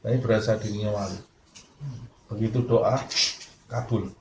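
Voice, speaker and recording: A man's voice: fairly low pitch, normal speed. A male Islamic preacher giving a sermon, telling stories and acting out the lines of the people in them. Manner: lively storytelling, acting out quoted dialogue. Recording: echoey room with faint noise.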